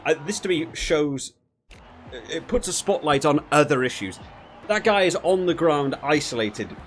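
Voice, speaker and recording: A gaming creator with a medium-pitched voice reviews a rugby game, rambling and thinking aloud in casual commentary. There is slight background noise in the recording.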